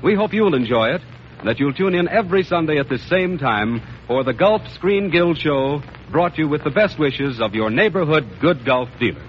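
A man's voice: fairly high pitch, expressive, normal speed, a little hiss or hum. A man with an American accent reading a formal script as a 1930s radio announcer. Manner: old-time radio announcer delivery, formal. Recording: old muffled radio broadcast, music behind.

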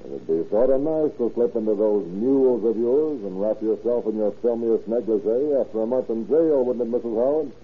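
Actor as a hard-boiled 1930s police captain, tinny recording. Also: male voice, medium pitch, a little fast, hardly any pauses, breathy edge, natural voice. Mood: pressing, sardonic. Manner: clipped, tough 1930s cop talk. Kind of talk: 1930s radio crime drama acting. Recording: tinny, noisy old radio recording.

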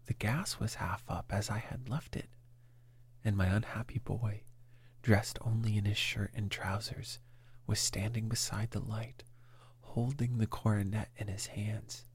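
A man reading an old story in a whisper, calm and even. His voice is extremely breathy and low-pitched. He takes it at an unhurried pace. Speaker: reader.

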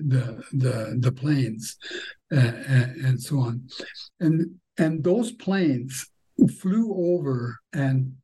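An older man with a husky voice, recounting history haltingly, often repeating words as he searches for the next one. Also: medium pitch, mellow. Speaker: interviewee telling family war history. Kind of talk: spoken historical recollection.

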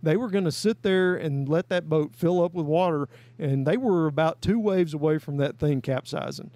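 A man's voice: a little high, moderate pace, warm tone, dry recording. A man, telling a long story in a folksy, rambling way as a guest. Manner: folksy, rambling, with many "I mean" and "you know". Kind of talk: casual storytelling.

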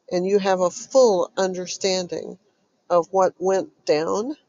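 A woman hosting a motivational self-help talk as a coach, speaking deliberately and sounding stuffy from an illness. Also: lowish voice, gravelly, a little mellow, dry recording, rough recording. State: stuffy, recovering from covid. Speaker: host and recovery coach.

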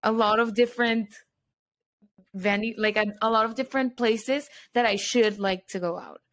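A woman's voice: fairly high pitch, fairly even intonation, moderate pace, a bit bright. Casual young Spanish-speaking woman co-host. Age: 20s. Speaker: podcast co-host. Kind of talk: casual chat.

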